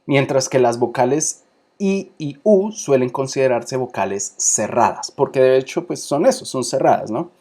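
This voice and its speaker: A man's voice: medium pitch, expressive, moderate pace, mellow. A man teaching a lesson on screen, talking informally and often checking that his listeners follow. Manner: many fillers and restarts, checks in with listeners. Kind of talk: explaining lesson to camera.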